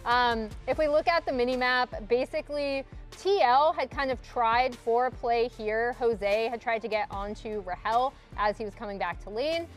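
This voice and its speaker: A woman's voice: a little high, moderate pace, faint music behind. A woman walking viewers through a gameplay replay as an esports desk analyst. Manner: explanatory, walks through replay.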